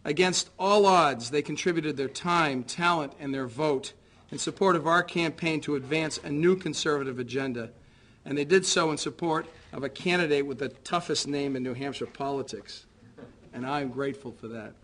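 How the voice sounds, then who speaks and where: Higher-pitched American man giving a concession speech. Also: fairly bright tone. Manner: formal, measured, earnest. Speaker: political candidate.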